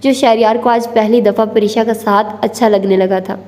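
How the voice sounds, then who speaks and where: Female narrator for a romantic audiobook, mellow voice in a reverberant room. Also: mid-range voice, fairly even intonation, normal speed. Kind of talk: reading a romantic novel aloud.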